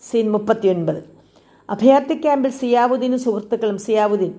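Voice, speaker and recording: A woman reading a documentary script aloud at a steady, even pace, announcing each scene. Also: a little high, brisk. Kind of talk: read-aloud script narration.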